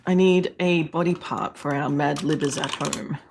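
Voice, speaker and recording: A woman's voice: low voice, fairly even intonation, normal speed, background noise. A woman chatting casually on a game stream and laughing a lot.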